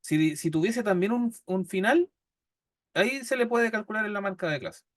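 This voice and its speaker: A high male voice, a bit bright and at a moderate pace, delivers a statistics lecture in Chilean Spanish. He goes step by step, patient, constantly checking in with "¿ya?". The audio is studio quality without echo.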